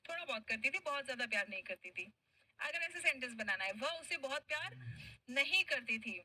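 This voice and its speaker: A woman teacher with an Indian English accent, a Hindi speaker, teaching a spoken English class, drawing out example sentences slowly and praising her students. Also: high-pitched, animated, sharp tone, no room sound, poor audio.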